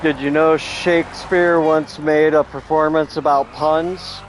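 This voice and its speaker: A man's voice: fairly high pitch, level tone, a little slow, low-quality recording. A man playing a driving game with a friend, chatting casually and telling puns. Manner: punning, dry joking. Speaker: co-player. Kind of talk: casual chat while gaming.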